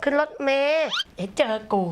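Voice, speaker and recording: A woman's voice: high voice, expressive, normal speed, background noise. A woman acting in a comedy sketch as a bossy, bickering roommate. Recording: loud music under the voice.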